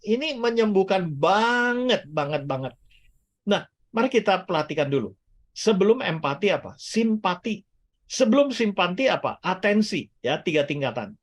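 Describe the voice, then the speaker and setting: Older male guest preacher, animated and interactive, husky tone, wide pitch swings. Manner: animated, swings between loud exclamations and soft asides, asks the audience questions. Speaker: guest speaker at a church service. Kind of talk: lively sermon teaching.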